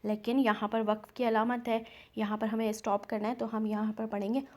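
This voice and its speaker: A woman teaching Quran recitation, patiently explaining each rule and stretching out example words slowly. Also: on the high side, little pitch movement. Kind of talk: step-by-step recitation lesson.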